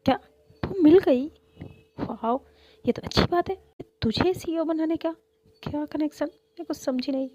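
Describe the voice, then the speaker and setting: A woman's voice: high voice, a little slow, dark tone, slight background noise, pitched above the performer's own voice, rough recording. A woman doing a scolding old grandmother. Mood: curious. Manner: scolding, questioning. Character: stern but loving old grandmother.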